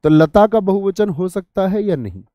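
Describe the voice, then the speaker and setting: Man teaching hindi grammar, asks then answers himself, calls students bhai sahab, kinda high voice, dead dry mic. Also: expressive, moderate pace, dark tone, no echo. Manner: asks questions and answers them himself, repeats answers; addresses students familiarly, 'bhai sahab', 'dost'. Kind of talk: online exam-prep lesson.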